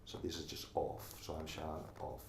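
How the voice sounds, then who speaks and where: Deep-voiced Irish man from Donegal. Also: little pitch movement, normal speed, reverberant, background noise. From Ireland. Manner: talkative, restarts sentences, earnest. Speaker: oral history interviewee. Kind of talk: recorded oral history interview.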